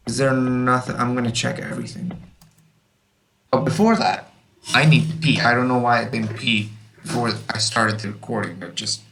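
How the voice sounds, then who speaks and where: A man's voice: mid-range voice, creaky, a bit bright. A young man rambling through a horror game, baffled, reading game text aloud as he plays. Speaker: let's play host. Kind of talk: casual gameplay commentary. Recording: distant mic with faint noise.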